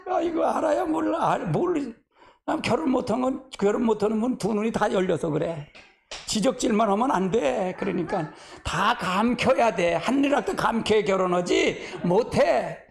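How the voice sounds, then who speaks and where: A male pastor gives a homespun, conversational sermon with a gravelly edge to his voice. His pitch swings widely as he sighs, chuckles and asks the congregation to answer him. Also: expressive, moderate pace. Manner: folksy and chatty, sighing and laughing often.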